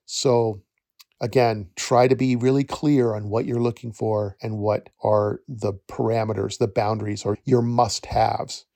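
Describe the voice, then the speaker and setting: A man's voice: on the low side, little pitch movement, measured pace, vocal fry, warm tone, no echo, studio quality. A man hosting a podcast who gives rambling, conversational career advice, laughing now and then and correcting himself mid-sentence. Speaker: nature program director, podcast host. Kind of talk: casual advice talk.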